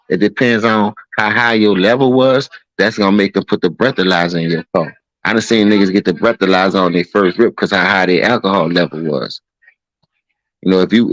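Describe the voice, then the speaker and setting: Profane, low-voiced man. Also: no echo, low-quality recording. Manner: loose, profane storytelling. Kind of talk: casual podcast chat.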